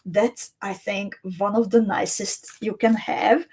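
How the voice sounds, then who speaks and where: Hosting a beading livestream, a woman from Hungary or Slovakia chats as she shows off beads and reads viewer comments, warmly greeting people by name. Her husky voice is medium in pitch and steady in tone, and she takes things slowly. Her manner is chatty and descriptive.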